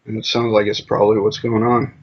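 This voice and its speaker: In a casual conversational interview captured on muffled lo-fi audio, a male guest talks in a loose, rambling way, leaning heavily on fillers like "you know." His voice is lowish and monotone, fairly quick, with a breathy edge.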